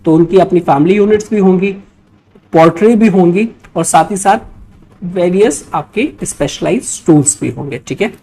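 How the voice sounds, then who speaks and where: Her voice is lowish and dark, at a normal speed. She is a woman with an Indian accent teaching exam-prep history, lecturing through quiz questions one step at a time and often tossing in short check-in tags.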